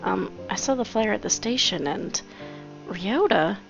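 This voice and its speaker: A woman's voice: mid-range voice, expressive, a little slow, vocal fry. A woman voicing a cheerful young schoolgirl heroine who narrates in a chatty, wry, playful way. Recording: dull lo-fi with game music.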